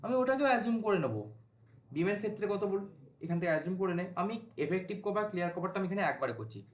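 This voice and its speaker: A man's voice: sits high, lively intonation, rapid-fire, echoey room. A male teacher giving an informal whiteboard lecture to students, asking questions and then answering them himself. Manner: informal, asks and answers his own questions. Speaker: civil engineering teacher.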